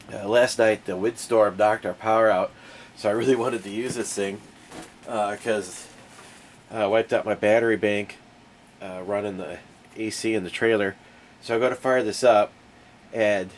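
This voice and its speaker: A man with a fairly low voice, a cold, and a stuffy nose reviews and repairs a generator in his indoor garage, recorded on an off-screen camera mic with slight background noise. He's a home DIY reviewer, and his talk is folksy, rambling, and a bit aggravated.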